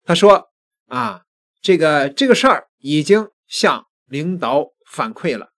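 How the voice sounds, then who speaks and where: A middle-aged man giving news commentary into a desk microphone, deliberate, with pauses and emphatic repetition. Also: a little high, big pitch swings, gravelly, fairly bright tone. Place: small indoor studio at a desk. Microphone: desk microphone close in front.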